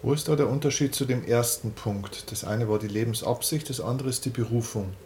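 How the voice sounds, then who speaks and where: A man's voice: medium pitch, fairly quick, darkish tone. A male interviewer listens attentively, keeps murmuring agreement, and steps in with careful follow-up questions. A faint hiss runs under his voice.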